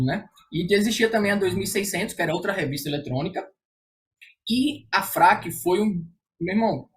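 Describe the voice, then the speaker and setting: Male conference speaker, casual and slangy, loose delivery with lots of fillers. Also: a little high. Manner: slangy, relaxed, many fillers.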